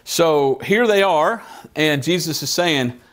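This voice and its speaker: A man's fairly high, animated voice moves at a slow pace as he preaches a Bible study in church. He tells stories in a chatty, conversational style and puts questions to the congregation.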